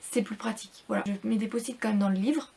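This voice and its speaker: A woman's voice: a little high, quick pace, creaky, dark tone, breathy edge. A young woman, reviewing a book in a casual, rambling vlog full of repeats and fillers.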